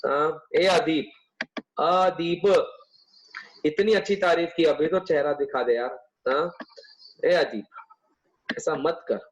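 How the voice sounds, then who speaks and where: Online tutor, young man, high voice, chatty and teasing. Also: slow, pauses often, dull audio. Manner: chatty, teasing, coaxing students. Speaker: commerce tutor. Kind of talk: live online class.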